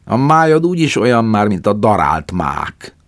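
A man voicing a grumbling, mocking vulture in a sneering, raised voice. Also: big pitch swings. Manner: sneering, high and loud.

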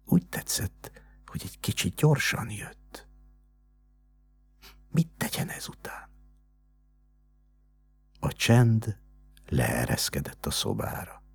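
A man with a very deep, gravelly voice reads a story in measured, hushed narration. His tone is husky and breathy, and his pitch moves expressively. Soft music plays faintly underneath. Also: wildly swooping pitch. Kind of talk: scripted narration.

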